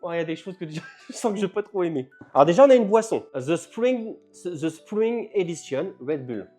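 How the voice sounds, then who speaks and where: An older man talks his way through an unboxing, chatty and quick to laugh. His voice is mellow and warm. He trips over English words as he reads them out. Soft music plays underneath. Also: high voice, expressive. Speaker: vlogger. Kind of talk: casual unboxing vlog.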